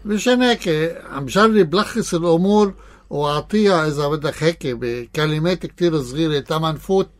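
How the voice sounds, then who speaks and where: A man's voice: fairly high pitch, brisk. A man with a Lebanese accent, a psychologist guest on a radio show, explaining in plain terms and tossing in rhetorical questions. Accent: Lebanese Arabic. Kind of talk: radio interview.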